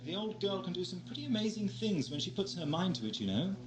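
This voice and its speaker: An actor with a British accent playing an eccentric, wry time-travelling Doctor in an audio drama, with theatrical phrasing. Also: male voice, high-pitched, very animated, quick pace. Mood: wry, playful. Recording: lo-fi 1980s amateur audio drama, music behind.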